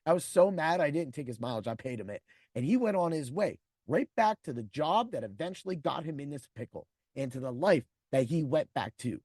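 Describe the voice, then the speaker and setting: A man's voice: on the high side, expressive, fairly quick, a little mellow, no echo, clean studio sound. A man in his forties, a podcast host, telling a profane personal story and acting out the people in it. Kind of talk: storytelling monologue.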